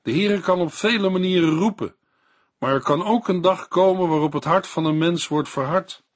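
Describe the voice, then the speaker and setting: A man reading a scripted Bible commentary in a measured, didactic way. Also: sits high. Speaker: Bible teacher.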